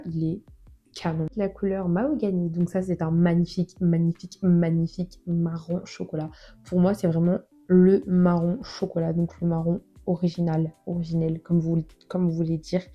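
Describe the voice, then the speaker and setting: Chatty woman with a mellow voice. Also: fairly low pitch, dull audio. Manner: chatty, full of fillers, self-deprecating. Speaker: nail product reviewer. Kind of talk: casual product presentation.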